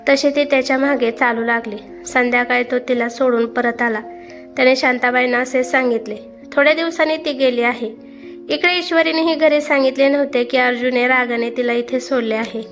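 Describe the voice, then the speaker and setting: A woman's voice: high-pitched, steady tone, normal speed, a bit bright. A woman telling a family story as scripted narration, reading steadily. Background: faint background music.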